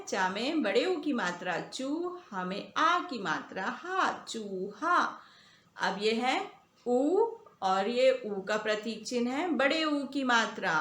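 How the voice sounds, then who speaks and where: Woman teacher, slow careful lesson for little kids, says words twice, kinda echoey room. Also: on the high side, a bit bright. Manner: slow, deliberate, repeats words for children to echo. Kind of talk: recorded primary school lesson.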